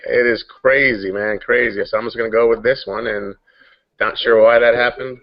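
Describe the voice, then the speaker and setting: A man's voice: mid-range voice, fairly even intonation, normal speed, highs cut off. A man hosting a casual online coaching hangout, rambling and searching for his words, talking through a computer mic on a video call.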